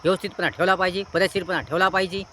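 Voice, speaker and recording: A man's voice: high-pitched, fairly even intonation, very fast, pushed and bright, slight background noise. A man giving a preachy moral talk, listing near-synonyms in long repetitive chains. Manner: earnest, preachy. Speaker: motivational speaker. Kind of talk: moral advice monologue.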